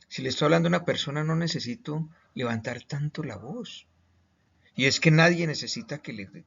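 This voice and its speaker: A man's voice: medium pitch, creaky, slightly rough. Emphatic male teacher, muffled recording. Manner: emphatic questions, pauses, repeated words. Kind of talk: recorded online lecture. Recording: slightly muffled lo-fi audio.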